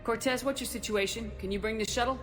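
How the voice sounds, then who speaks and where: A woman's voice: a little high, fairly even intonation, fast, over music, lightly acted. An actress playing a determined female space military commander in a video game, firm and authoritative. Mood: firm, questioning.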